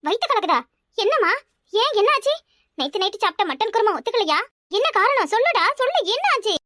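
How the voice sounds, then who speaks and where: A woman voicing a bossy, scheming village mother in a cartoon, with a Kanyakumari Tamil accent, scolding loudly and doting in turns. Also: extremely high pitch, very animated, brisk, no room sound, studio quality, exaggerated voice. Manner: loud, scolding yet doting.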